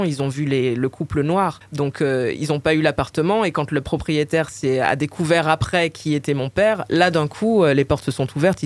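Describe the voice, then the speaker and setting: A woman's voice: sits low, darkish tone, dry recording. Woman in her 40s w/ paris banlieue accent, lots of euh and restarts, being interviewed. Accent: Paris suburban French. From Paris suburbs, France. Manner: hesitant, many fillers and restarts. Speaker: author and interviewee. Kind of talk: interview answers.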